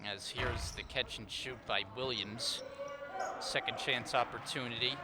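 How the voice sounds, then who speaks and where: A man in his thirties calling live basketball play-by-play, brisk and rising on big plays. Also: medium pitch, steady tone. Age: 30s. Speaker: play-by-play commentator. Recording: noisy gym background.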